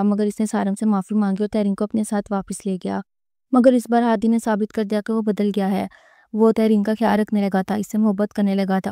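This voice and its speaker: Brief: woman narrator for a romance novel, dark mellow tone, flat even delivery. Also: mid-range voice, clear, resonant tone, no echo, studio quality. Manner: steady, even reading.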